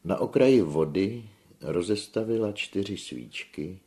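A man reading a novel aloud as an audiobook narrator with a steady storytelling delivery. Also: fairly low pitch.

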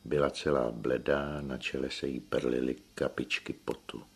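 A man narrating an audiobook with steady storytelling and a deep husky voice. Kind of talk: scripted narration.

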